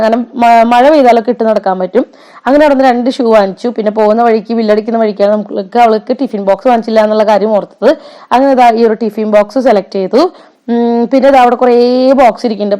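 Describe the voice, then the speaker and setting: A woman's voice: a little high, warm tone. A young woman, chatting casually over a shopping vlog as its host and often adding little tag words and fillers. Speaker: vlogger.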